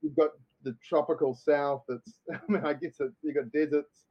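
A man's voice: fairly high pitch, fairly even intonation, moderate pace, husky, dull audio. A man with a New Zealand accent, a guest comedian chatting casually on a podcast with frequent restarts.

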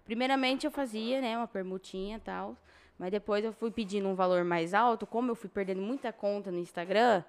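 A woman's voice: medium pitch, a little fast, clear, resonant tone. A young adult woman with a Brazilian Portuguese accent, telling her story casually as an interview guest, in slangy speech that acts out past dialogue.

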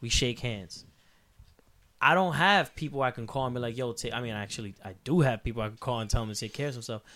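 A man's voice: medium pitch, fast, a bit bright. A man from Puerto Rico who is a guest on a podcast. He talks in a casual, emphatic, profane way and lays out his views at length.

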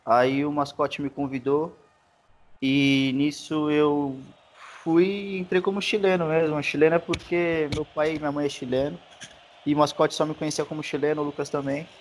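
A man's voice: fairly high pitch, flat delivery, normal speed, slight background noise. A man with a Brazilian accent, a guest on a casual podcast, telling a story in a rambling way and tripping over his words. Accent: Brazilian Portuguese.

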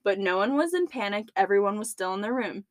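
A woman's voice: mid-range voice, expressive, brisk, no room sound. A young woman co-hosting a podcast, reading a story aloud and chatting casually, laughing between lines. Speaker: podcast co-host.

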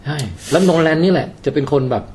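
A man hosting a casual podcast chat, animated and jokey, swearing now and then as he talks about films. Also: fairly high pitch, fast, slight background noise. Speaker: podcast host. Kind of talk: casual chat reviewing a film.

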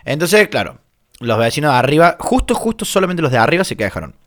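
A man's voice: fairly high pitch, big pitch swings, fast, a bit bright. A man from Argentina with a Córdoba accent, chatting casually and playfully at home and laughing easily. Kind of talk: casual chat. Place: home during lockdown.

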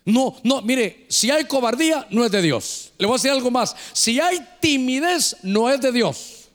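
A man's voice: very high voice, lively intonation, moderate pace, fairly bright tone, big-room sound. A male pastor preaching a passionate sermon, constantly calling out to the congregation. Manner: impassioned preaching, calls listeners "hermano". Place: church sanctuary with monitors. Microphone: handheld microphone.

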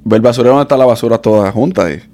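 A man with a Dominican Spanish accent, hosting a casual podcast chat, relaxed and playful. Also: medium pitch, rapid-fire. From Dominican Republic. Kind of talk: casual conversation.

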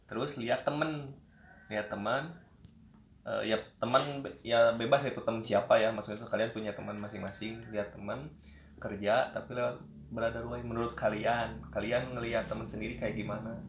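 A man's voice: medium pitch, fairly quick, slight background noise. Man hosting casual chat, echoey room. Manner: prompting, relaxed, slangy. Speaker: host asking questions.

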